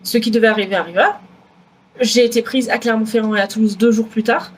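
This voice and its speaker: A woman's voice: fairly high pitch, steady tone, fairly quick, husky. A woman in her twenties with a southwest French accent, talking casually in a vlog, chatty with many fillers and self-corrections. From France. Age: 20s. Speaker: student vlogger.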